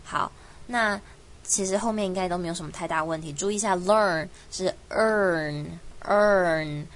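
A young woman hosting an English pronunciation lesson, explaining each sound slowly and repeating words to demonstrate them. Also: on the low side, a bit bright, low-quality recording. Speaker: English pronunciation teacher and host. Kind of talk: language lesson.

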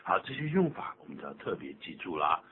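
An older man hosting a radio English lesson, explaining phrases in an animated, teacherly way. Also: very deep voice, fast talker, a crowd in the background. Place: radio studio. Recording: tinny lo-fi radio broadcast with faint hum.

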